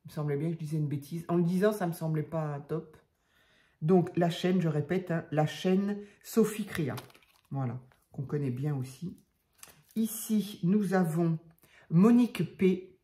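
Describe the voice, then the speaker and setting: An older woman casually showing craft tags to her viewers, talking softly and chattily with many hesitations. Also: low voice, moderate pace. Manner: chatty, soft-spoken, hesitant with fillers. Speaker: craft channel host.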